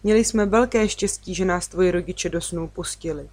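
A calm, wise girl from a children's storybook, read by a woman explains strange things patiently. She speaks in a steady, knowing way. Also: lowish voice, no room sound, close to an everyday voice. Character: Nala, calm wise girl guide through dreams.

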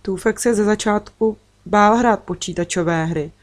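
A woman narrating a children's story in the first person, in a steady, earnest reading voice. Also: medium pitch. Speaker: audiobook reader.

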